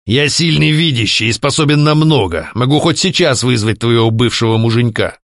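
A man's voice: medium pitch, moderate pace, a bit bright, no echo, studio quality, lightly acted. A man voicing a masked male conspirator leader who speaks coldly and curtly, with menace. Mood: threatening. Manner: cold, curt, irritable.

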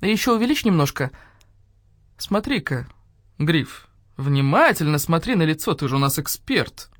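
Woman voicing a calm wise old badger detective. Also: no echo, studio quality. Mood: calm, probing. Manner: low, measured, unhurried.

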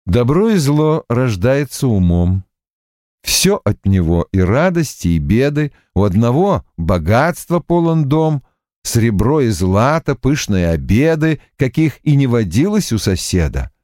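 Male audiobook narrator, expressive, animated delivery, dry close-mic sound. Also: medium pitch, no room sound. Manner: expressive, measured reading.

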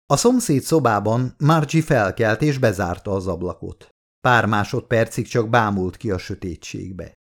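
A man narrates a novel as an audiobook reader, keeping a measured storytelling manner. His voice is on the low side.

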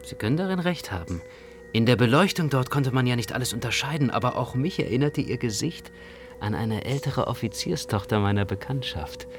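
An actor playing an anxious, introspective young man who narrates his own night walk in a literary radio play, speaking in a measured, intense way. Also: medium pitch, expressive, lightly acted. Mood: brooding. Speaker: first-person narrator.

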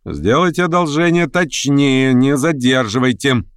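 A man's voice: on the high side, very animated, normal speed, dry recording, clean studio sound, voice pushed up. A man voicing a pushy, scheming young male conspirator who presses others with insistent questions. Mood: needling. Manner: insistent, needling, raised voice.

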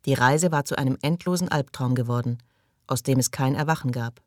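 A man delivers scripted audiobook narration in a measured, even storytelling manner. His pitch is medium, and the studio-quality recording has no room sound.

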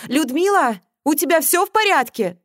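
A woman's voice: high-pitched, expressive, normal speed, no room sound, studio quality, voice pushed up. A woman reading aloud and voicing a worried mother who calls out anxiously from another floor. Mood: anxious calling. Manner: anxious, calling out. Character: worried middle-aged mother calling from downstairs.

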